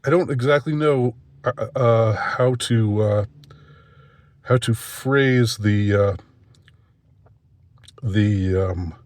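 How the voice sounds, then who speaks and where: A middle-aged vlogger with a lowish, nasally congested voice rambles through a halting solo monologue. He fills it with fillers and restarts, keeping a wry, self-deprecating manner, and the recording is dry.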